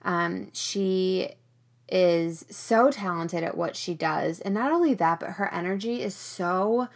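A woman's voice: fairly low pitch, takes it slowly. A woman hosting a podcast in a casual, chatty monologue, recorded in a small storage room with rain on the tin roof. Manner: chatty, conversational. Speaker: podcast host.

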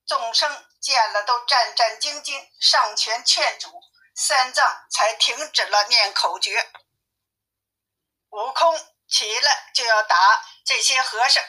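A woman reading a classic tale aloud as a storyteller, in a lively, clear way. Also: a little high. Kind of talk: children's story narration. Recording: tinny phone-like sound.

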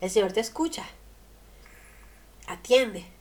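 A woman preaching a radio sermon, emphatic, asking rhetorical questions and swinging between loud and soft. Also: mid-range voice, animated, slow.

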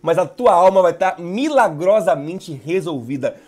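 A man with a Brazilian Portuguese accent preaching a sermon on a live stream as pastor. He is animated, acts out prayers and breaks in with sudden exclamations. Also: high-pitched, a little slow.

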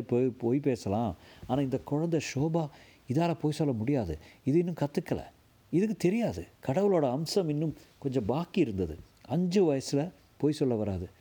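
Husky-voiced man telling a dramatic story. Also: mellow. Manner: acts out every character's lines with shifts in pitch.

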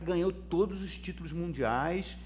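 A high-voiced Brazilian man preaches a sermon as pastor, his delivery swinging from loud bursts to quiet asides. He keeps calling his listeners brother. A faint hum sits under the recording. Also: measured pace, muffled recording. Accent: Brazilian Portuguese. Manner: dramatic preaching, swings between loud and soft.

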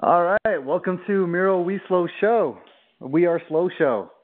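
A man's voice: sits high, a little slow, slight background noise. A man hosting a podcast, interviewing a caller in a friendly, loose, chatty way. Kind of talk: casual interview. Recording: tinny phone line.

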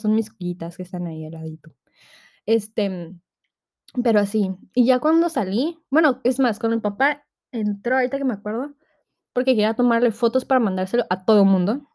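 A nineteen-year-old podcast host with a Mexican accent tells stories in a casual, slangy, chatty monologue, acting out what people said. Her voice is fairly high, animated and a little mellow, a little fast. The recording is studio quality with no room sound.

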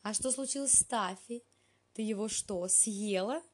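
A woman's voice: medium pitch, a little slow, close to an everyday voice. A woman voicing a cheeky young female cat who teases and mocks. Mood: puzzled. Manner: teasing, mocking.

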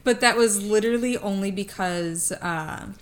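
Casting: young adult woman, podcast co-host, casual chatty delivery, mid-pitched, filler-heavy and unfiltered. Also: moderate pace. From Chicago area. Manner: chatty, swears freely, many "like" fillers. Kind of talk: casual chat.

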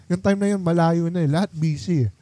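A man's voice: a little high, fairly quick, mellow, dry recording. A young man hosting a casual chat with old friends, telling a story in a rambling way with many fillers. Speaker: podcast host.

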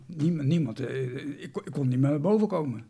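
Gravelly, husky man telling his story. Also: fairly high pitch, animated, normal speed, dark tone. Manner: hesitant, many restarts and fillers. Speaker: interviewee. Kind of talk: recounting a personal story.

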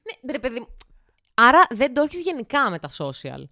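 A woman's voice: fairly high pitch, huge pitch swings, pushed and bright, no echo, studio quality. A young woman from Larisa, hosting a podcast in casual chat, teasing and laughing often. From Larisa, Greece. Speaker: podcast host.

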